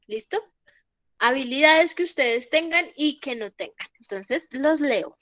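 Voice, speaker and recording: A woman teaching English over a video call, her voice slightly thick from a cold. She speaks slowly and patiently, with a fairly high, bright tone. The sound is close and dry. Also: animated, dry recording. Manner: patient, explains slowly, laughs at own jokes. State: has a cold. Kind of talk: online class teaching.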